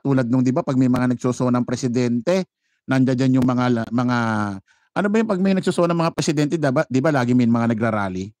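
A man's voice: mid-range voice, a little mellow, dry recording. A Filipino man giving a casual, mocking commentary on a live stream, laughing often and mimicking chants. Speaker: vlogger commenting on a rally.

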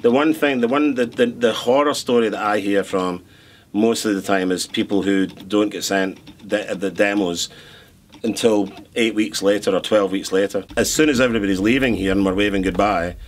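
A man's voice: lowish voice, fairly even intonation, moderate pace, slight background noise. A middle-aged man, a producer and songwriter, chatting in an interview, rambling with lots of restarts and fillers. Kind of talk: relaxed interview chat.

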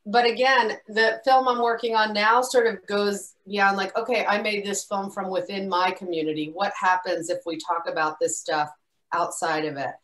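A woman filmmaker answering audience questions in a relaxed way. She talks haltingly, with many restarts and a lot of "you know.". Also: medium pitch, rough recording. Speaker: filmmaker guest speaker. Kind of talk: casual Q&A talk. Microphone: video call.

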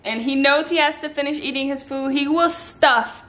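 A woman's voice: high-pitched, moderate pace, a bit bright. A woman, a stay-at-home mom, chatting candidly to camera in her home kitchen with lots of slang and laughter. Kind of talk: casual vlog chat to camera.

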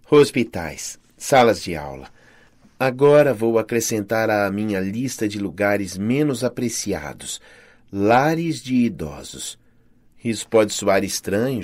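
In a lowish voice carrying a Brazilian Portuguese accent, a man narrates a fantasy audiobook told in the first person, giving it a dramatic, expressive reading.

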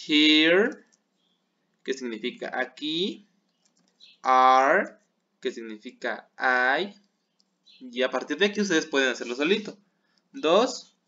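A man's voice: mid-range voice, a bit bright, muffled recording. A man teaching English words in an online class, patiently checking understanding as he goes. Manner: patient, keeps checking with "¿sale?".

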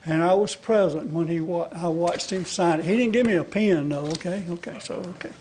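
Before a seated audience in a large indoor hearing room, an older citizen activist of 70-plus testifies to a legislative committee through a gooseneck podium microphone. He rambles in a folksy way and frequently checks in with listeners, his high-pitched voice brisk with a darkish tone.

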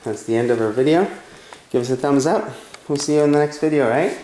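A woman in her thirties with a very deep, mellow voice hosts a family vlog, narrating excitedly for viewers and coaching her kids on camera. She films on a handheld camera in a dim home room that sounds echoey, with faint noise behind her. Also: fairly quick. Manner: excited, coaching children while filming. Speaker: mother and vlog host. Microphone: handheld camera filming.

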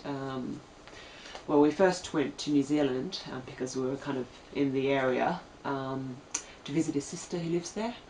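Recorded on a distant camera mic in an echoey room with slight hiss or hum, this young Australian vlogger speaks in a low-pitched, darkish voice. She chats to the camera from home, hesitating and saying um a lot.

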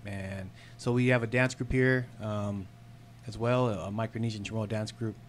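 Man, 30s, low voice, unhurried, filler words, studio mic, faint background hiss. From San Diego, California. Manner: relaxed, unhurried storytelling with fillers. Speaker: podcast guest, dancer. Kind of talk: casual podcast chat. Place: small studio with red curtains. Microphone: studio mic on boom arm, headphones.

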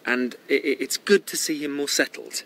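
A man's voice: a little high, moderate pace, sharp tone, a little hiss or hum, rough recording. An actor playing a hesitant, stammering older brother who awkwardly warns a woman off. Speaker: Rex, protective older brother. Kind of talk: radio drama acting.

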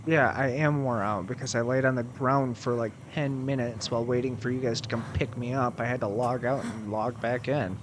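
A man's voice: mid-range voice, fairly even intonation, normal speed, few pauses, noisy background. A man giving casual commentary while he plays a video game, exasperated and swearing as he talks to his viewers. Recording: game sound playing loudly under his voice.

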